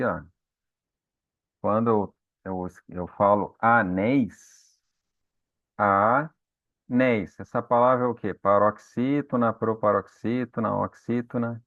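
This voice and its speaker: The speaker is a Portuguese teacher with a gravelly mid-range voice, patiently explaining grammar and repeatedly checking on his students with "né?" and "tá?". His audio is dry and phone-like, with no room sound.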